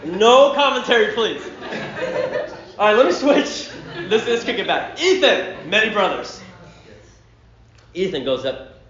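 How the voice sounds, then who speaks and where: A man preaching a sermon to a youth group, acting out a story with lively voices and slaps. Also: sits high, a little slow, pauses often. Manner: animated storyteller, acting out scenes. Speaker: pastor. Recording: roomy, dull lo-fi hall.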